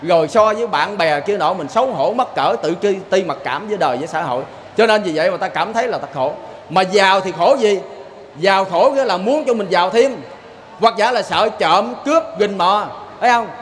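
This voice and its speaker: A man's voice: high voice, lively intonation, brisk, slight background noise. A man with a Southern Vietnamese accent giving a sermon as a lay preacher, folksy and storytelling, often turning to the listeners with a question. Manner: folksy, keeps asking "see?" of the listeners.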